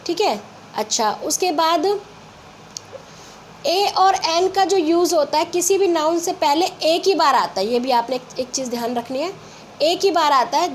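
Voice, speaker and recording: A woman teacher with an Indian English accent and a high voice. She explains patiently, repeats sounds one by one, and draws out her example sentences. A faint hiss sits under the recording. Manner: reads example sentences slowly and drawn out. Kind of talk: grammar lesson for school children.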